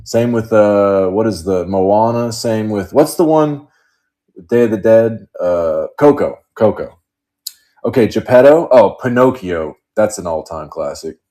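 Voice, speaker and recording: A man's voice: lowish voice, animated, unhurried, dark tone. A man hosting a live card break stream, chatting casually, rambling and joking as he reads off cards. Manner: rambling, joking, laughs often.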